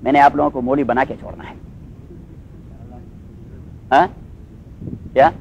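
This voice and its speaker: A male Islamic scholar giving a Quran commentary class, reciting Arabic phrases slowly, then explaining them and checking with his listeners, with English phrases mixed in. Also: mid-range voice, gravelly, a little mellow, dull audio, a little hiss or hum. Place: class in Los Angeles.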